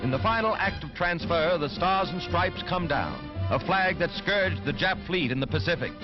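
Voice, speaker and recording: A man's voice: fairly high pitch, animated, moderate pace. A man giving dramatic, emphatic 1940s newsreel narration, heard as old newsreel sound. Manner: dramatic, emphatic announcer delivery. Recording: dull lo-fi film soundtrack with music.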